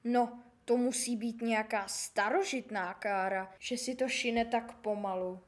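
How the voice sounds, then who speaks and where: A woman's voice: fairly high pitch, fairly even intonation, pitched below the performer's own voice, close to an everyday voice. A woman voicing a kind, chatty middle-aged male postman in a storybook reading, polite and eager, rattling off teasing insults. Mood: glum. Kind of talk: storybook character voice.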